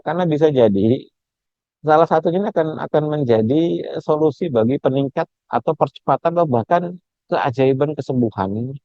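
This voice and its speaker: An Indonesian man talks his way through a casual webinar lecture. He hammers his points home by saying the same lines again and again, and his pitch rises and falls as he goes. The sound is muffled and lo-fi, with no room echo. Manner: repeats phrases over and over for emphasis, animated swings in pitch. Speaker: speaker teaching a free webinar. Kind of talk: casual lecture on a healing method. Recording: dull, dry lo-fi recording.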